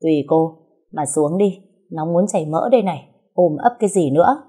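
A woman's voice: sits low, expressive, a little fast, dark tone, breathy edge. A woman voicing an exasperated young husband who grumbles wearily. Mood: grumbling. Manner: grumbling, weary.

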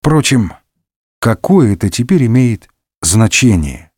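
Man doing a melodramatic young swordsman, wailing, indignant, animated pitch, dry sound. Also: a little slow, husky, no echo. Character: hot-headed young swordsman, whiny and melodramatic.

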